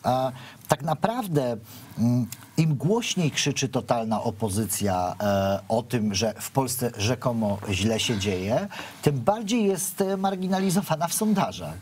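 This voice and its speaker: A middle-aged man hosting a studio interview on a news channel, making measured remarks and chiming in with short agreements, on a lapel mic. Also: medium pitch, very animated, a little mellow, slight background noise. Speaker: TV host.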